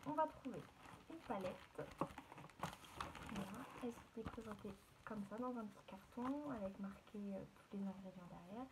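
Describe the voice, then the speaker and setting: A woman's voice: mid-range voice, moderate pace, pauses often, background noise. A woman chatting casually to her viewers as she unboxes and shows off a beauty haul, with plenty of fillers. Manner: chatty, filler-heavy, addresses viewers directly.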